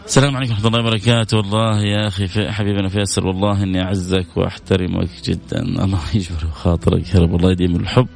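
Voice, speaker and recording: A man's voice: low voice, little pitch movement, racing, gravelly, few pauses, a little mellow, soft background music. A middle-aged man preaching a sermon with fervor, repeating exclamations with rising emotion.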